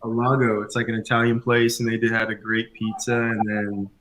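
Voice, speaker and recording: A man's voice: fairly low pitch, little pitch movement, a little fast, fairly bright tone, slight background noise. A man chatting casually as a guest, rambling with fillers. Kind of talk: casual chat.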